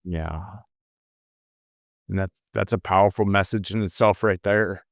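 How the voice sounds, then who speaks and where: A man co-hosting a motivational talk, earnest and full of fillers and restarts, a little hoarse as he loses his voice. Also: deep voice, fairly even intonation, a little slow, dry recording, studio quality. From California. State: losing his voice a bit. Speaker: podcast co-host.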